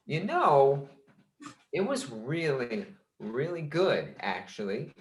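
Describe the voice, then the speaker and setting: A man's voice: mid-range voice, sing-song, slow, echoey room. A man playing a polite, scheming young time traveler who stammers eagerly.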